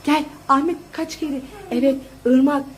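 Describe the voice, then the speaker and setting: A young mother hosts a family vlog from home, calling out a children's game as it happens. Her voice sits very high, and she cheers and urges the kids on, often breaking into laughs and shouts. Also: fairly even intonation, normal speed. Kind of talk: excited commentary on a children's game.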